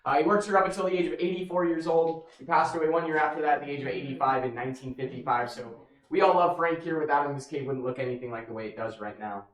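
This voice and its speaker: A man's voice: on the high side, fast talker. A man working as a cave tour guide, talking casually and jokingly to a group in an echoing cave. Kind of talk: informal guided tour talk. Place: inside a large cave.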